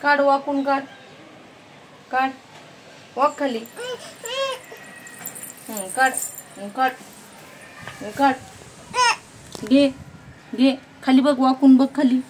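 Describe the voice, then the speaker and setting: A woman's voice: sits high, fairly even intonation, drawn-out words, long pauses, background noise. A young woman with a Marathi accent vlogging at home, coaxing her toddler in a sing-song voice and chatting to camera. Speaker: vlogger and mother. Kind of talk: casual home vlog, talking to a baby.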